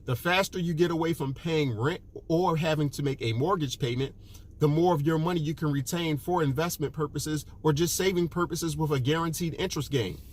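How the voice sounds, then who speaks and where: A man's voice: on the high side, a little fast. Emphatic man giving money advice. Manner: emphatic, repeats key points, peppers speech with "okay" and "look". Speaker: personal finance author and host. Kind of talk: direct-to-camera advice talk.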